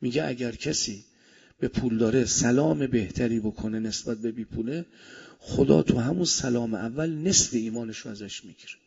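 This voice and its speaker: A man preaching a sermon with speech, swinging between loud emphasis and soft asides. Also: medium pitch, creaky, slightly rough. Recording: dull lo-fi recording.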